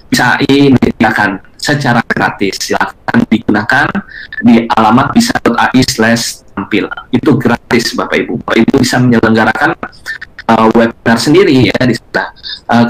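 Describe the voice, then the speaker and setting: A man presents a live online webinar from a video conference. He talks hesitantly, pausing on filler sounds, and keeps turning to address his audience politely. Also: medium pitch, a bit bright, poor audio.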